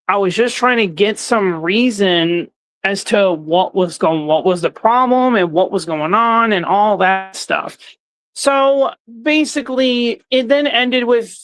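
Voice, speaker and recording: Host ranting straight to camera, mid-pitched voice, rambling and indignant, lots of restarts, dry close sound. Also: a bit bright, no echo. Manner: rambling, with frequent restarts and filler words. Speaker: channel host. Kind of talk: personal rant to the camera.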